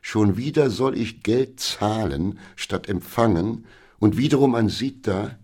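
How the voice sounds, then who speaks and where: A man's voice: lowish voice, measured pace, a little mellow, pitched above the performer's own voice. A man voicing an indignant, grumbling treasurer, in a storybook reading. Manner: incredulous, grumbling. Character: grumbling middle-aged male treasurer, indignant.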